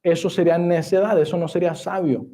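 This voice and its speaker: A man preaching from the pulpit of a church, his voice pitched high for a man but warm and mellow in tone. He builds to emphatic peaks and recites scripture in formal, old-fashioned phrasing. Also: steady tone, fast. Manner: preaching with rising emphasis, quoting scripture in older formal Spanish. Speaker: pastor. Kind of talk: sermon. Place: church sanctuary.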